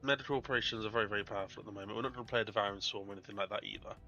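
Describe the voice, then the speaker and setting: A British streamer with a bad cold and tissue stuffed up his nose hosts a live game stream, chatting casually and poking fun at himself. His fairly low voice races along, bright and forceful, in a muffled recording with soft background music.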